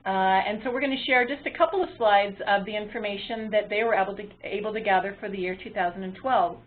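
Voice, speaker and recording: A woman moderates a webinar, explaining things to an online audience in a medium-pitched, halting voice full of ums and uhs. The audio is muffled and phone-like.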